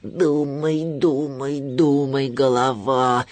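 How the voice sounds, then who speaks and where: A man voicing a gloomy, sluggish male bear cub who speaks slowly with sighs. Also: mid-range voice, no echo, lightly acted. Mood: thoughtful. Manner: slow, sighing, glum.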